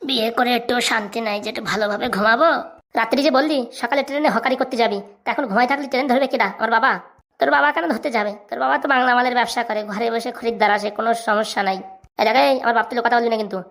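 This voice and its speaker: Woman voicing a shrill scolding village wife. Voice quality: sharp, scolding, rapid-fire. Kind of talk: comic cartoon dub.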